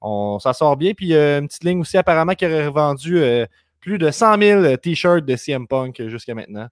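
A man's voice: on the high side, animated, no room sound, studio quality. A man with a Québécois French accent hosting a podcast, reeling off news items in casual chat. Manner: quick news rundown, lists words rapidly. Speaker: podcast host.

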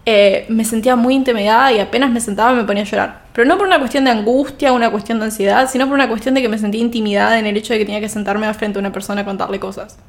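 A woman's voice: a little high, rapid-fire, few pauses. A young woman with an Argentine accent telling stories in a casual podcast chat as co-host. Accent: Argentine Rioplatense Spanish. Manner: lively storyteller, chatty.

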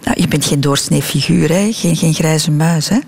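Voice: medium pitch, moderate pace, vocal fry, darkish tone, breathy edge. An interviewer asking probing questions and prodding with tag questions.

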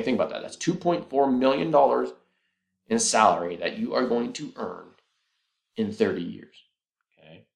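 A man's voice: lowish voice, creaky. A man hosting a podcast alone, talking earnestly and persuasively as he walks through numbers step by step. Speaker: podcast host. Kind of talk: casual solo podcast talk.

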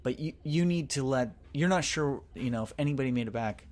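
A man's voice: mid-range voice, fairly quick. Male game master, casual and rambling, mid-range voice. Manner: casual, rambling with fillers and restarts. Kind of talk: narrating a tabletop role-playing game.

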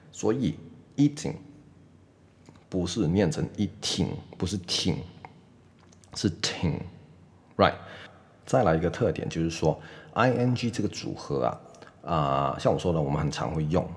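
A deep-voiced man teaches pronunciation in an online lesson. He explains patiently and draws out each sound slowly to demonstrate it. He peppers his talk with "OK". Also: a little mellow. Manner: sprinkles "OK" through his speech.

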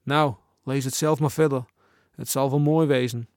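A man voicing a jovial, middle-aged father who teases his son in a storybook reading, a bit higher and louder than his narration. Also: steady tone, moderate pace, dry recording, clean studio sound, lightly acted. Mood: casual. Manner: teasing, chuckling.

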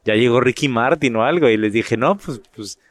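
A middle-aged man from Monterrey with a northern Mexican accent, telling stories in a casual interview, animated and often repeating words while he finds them. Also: medium pitch, moderate pace, no echo. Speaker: actor and guest.

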